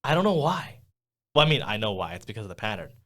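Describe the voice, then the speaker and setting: Fast and a bit bright, his lowish voice swings widely in pitch as this young male podcast co-host rambles through a casual chat. He's in a small studio, laughing and using lots of fillers, on a studio condenser mic.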